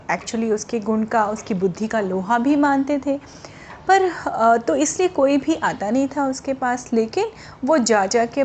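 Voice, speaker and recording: A woman storyteller narrating a folk tale for children in a high voice. She talks in a chatty way and often turns to address the children directly. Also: slight background noise.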